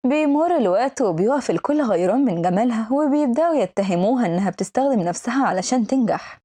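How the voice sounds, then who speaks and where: A young woman with an Egyptian accent narrating a drama recap in a brisk, chatty, wry way. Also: fairly high pitch, expressive, mellow. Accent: Egyptian Arabic. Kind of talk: fast casual story recap narration.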